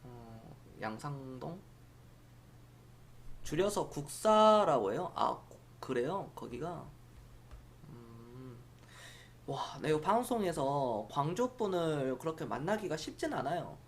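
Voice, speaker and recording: A man's voice: a little high, sing-song, slow pace, a little hiss or hum. A middle-aged man from Jeolla province, chatting casually on a stock-market live stream, rambling and answering viewers' comments aloud. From Jeolla province, South Korea.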